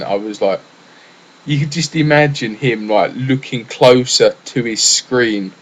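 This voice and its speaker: A man's voice: mid-range voice, poor audio. A young English man rambling casually through a solo gaming podcast, full of fillers and restarts. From England.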